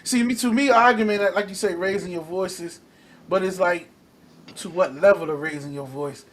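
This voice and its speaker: Guy hosting a chat show, kinda high voice, gets loud n excited reading comments. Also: normal speed. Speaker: podcast host reading live comments. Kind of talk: casual chat.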